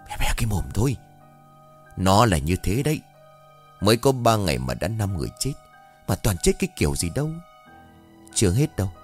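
A man voicing a frightened but dutiful older village head who speaks in urgent, hushed tones. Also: on the low side, very animated, a little fast, long pauses, soft background music.

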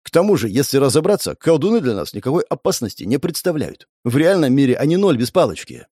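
A man playing a calm, evasive official. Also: medium pitch, fast talker, slightly rough, dry recording, clean studio sound. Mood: placating.

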